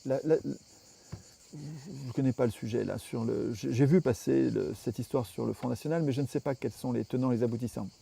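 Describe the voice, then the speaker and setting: A man's voice: medium pitch, a little fast, vocal fry, dark tone, a little hiss or hum. A French man, interviewed, explaining his political views at length with emphatic reasoning and frequent restarts.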